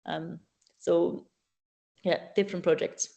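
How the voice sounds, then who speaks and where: A woman answering questions at a student AI event, talking casually and often pausing with ums and restarting her sentences. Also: on the low side, little pitch movement, creaky, warm tone. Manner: hesitant, many ums and restarts.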